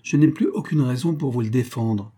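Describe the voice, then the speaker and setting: A man's voice: medium pitch, normal speed, warm tone, breathy edge, pitched above the performer's own voice, lightly acted. A man voicing a cold, authoritative male billionaire who gives curt orders in a raised voice. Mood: icy, commanding.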